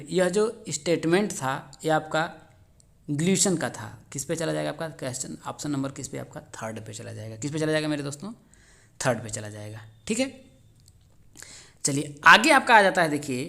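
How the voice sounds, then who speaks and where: A man's voice: fairly high pitch, fairly bright tone. A friendly male tutor talks his viewers through a test paper one question at a time. He answers each question and then asks it again, rhetorically, before he confirms the answer. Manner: keeps asking the answer back as a rhetorical question. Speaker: exam-prep teacher on a video channel. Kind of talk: explaining exam answers step by step.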